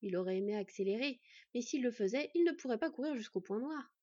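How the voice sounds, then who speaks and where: A woman narrating a fantasy story in an even, measured reading. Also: a little high, breathy edge, no echo. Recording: dull, dry recording.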